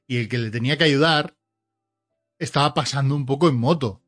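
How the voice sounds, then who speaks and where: A man's voice: medium pitch, brisk, a bit bright, soft background music. A man co-hosting a podcast, chatting casually and steering the talk with short prompts. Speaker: podcast co-host. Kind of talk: casual chat.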